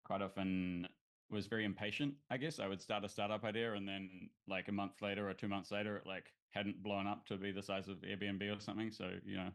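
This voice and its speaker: Speaking briskly in a fairly low voice, a New Zealand-accented man who founded a startup chats in an interview. He comes across relaxed and thoughtful, often using fillers and restarting his sentences.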